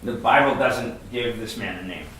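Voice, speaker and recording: A man preaching a sermon, telling a story in short phrases and pausing for his interpreter. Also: medium pitch, a bit bright, a little hiss or hum. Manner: storytelling, pauses line by line for the interpreter. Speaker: guest pastor. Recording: very echoey church hall.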